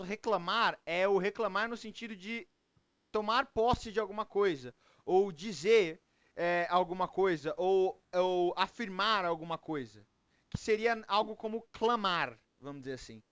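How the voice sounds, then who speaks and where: A man's voice: sits high, measured pace, a bit bright, smooth, no echo. A Brazilian man teaching English to a group in Portuguese, often checking in with "ok?" as he explains. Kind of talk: online English class.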